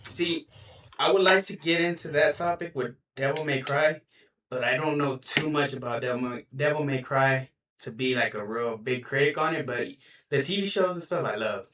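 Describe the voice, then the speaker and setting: A man's voice: medium pitch, normal speed, a bit bright, distant mic, slight background noise. A young man co-hosting a gaming podcast, chatting casually and rambling with lots of "you know.". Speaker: podcast co-host. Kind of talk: casual chat. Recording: roomy, a bit off-mic.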